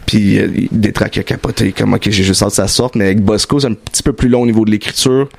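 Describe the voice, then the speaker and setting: Quebec French man, young adult, gravelly, dry studio sound, casual interview. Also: lowish voice, steady tone, fast, no echo. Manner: slangy, mixes English into French. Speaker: rapper guest. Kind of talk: casual radio interview chat. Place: radio studio.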